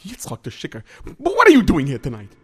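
A man playing an excitable, self-important pious man in a told story, theatrical, muttering and exclaiming. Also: a little high, fast talker, slightly rough, heavily acted. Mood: brusque, impatient.

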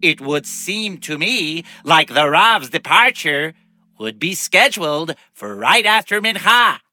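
A puffed-up, boastful tycoon in a children's story, speaking slowly and grandly in a high, very bright voice. He peppers his talk with Hebrew words. The sound is dry, with faint music behind. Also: very animated, no echo, exaggerated voice. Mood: urgent. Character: pompous rich male businessman, boastful and grand.

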